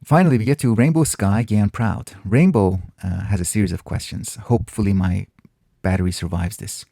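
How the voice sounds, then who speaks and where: A male channel host and native Farsi speaker answers viewer questions in a casual, reflective monologue. His voice is low, gravelly and mellow, recorded close and dry, and he pauses often and restarts phrases as he thinks.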